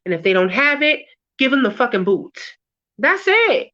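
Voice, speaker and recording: A woman's voice: on the high side, lively intonation, a little fast, fairly bright tone, lo-fi sound. A woman music artist being interviewed over a video call, talking bluntly and emphatically, swearing freely and restarting her words. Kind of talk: candid, emphatic interview talk.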